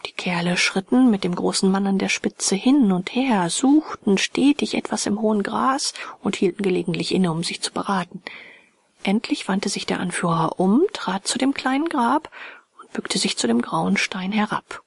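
Woman narrator, whispered story reading, hushed, breathy, dry close sound. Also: mid-range voice, animated, normal speed, no room sound. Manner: soft, hushed and breathy delivery.

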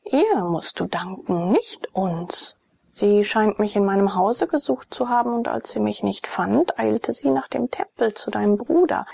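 A woman reading the lines of an earnest young nobleman in an audiobook, in her own breathy, gravelly voice. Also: medium pitch, animated, measured pace, a little mellow, no room sound, exaggerated voice.

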